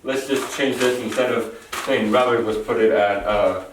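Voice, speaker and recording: A man's voice: mid-range voice, steady tone, moderate pace. Man rambling in an echoey warehouse. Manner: rambling, repeats phrases, self-correcting. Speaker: presenter. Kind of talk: improvised explainer skit. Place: large echoing warehouse. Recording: echoey warehouse, distant mic, faint noise.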